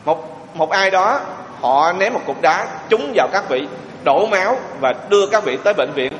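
A male Buddhist monk delivers a sermon, pressing his listeners with repeated rhetorical questions. His voice sits fairly high for a man. The sound rings with the long echo of a large hall, with faint ambient noise behind. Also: animated, moderate pace, a bit bright. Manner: rhetorical questions to the audience, emphatic. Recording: echoey hall with long reverb.

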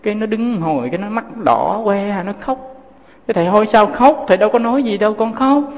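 High-voiced Southern Vietnamese monk preaching. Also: male voice, lively intonation, quick pace, big-room sound. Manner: fatherly, storytelling, addresses listeners as children. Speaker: Buddhist monk teacher. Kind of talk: sermon with personal stories.

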